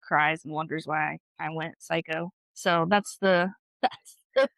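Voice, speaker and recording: A woman in her thirties co-hosting a podcast, chatting casually about being a mom, blunt and quick to swear. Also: deep voice, no room sound. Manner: blunt, swears freely, animated storytelling. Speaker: podcast co-host. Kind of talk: casual chat.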